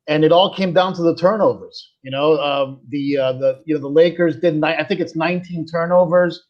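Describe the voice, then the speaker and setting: Male podcast guest, slightly high voice, conversational, emphatic, dull remote recording. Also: brisk. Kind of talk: casual sports chat.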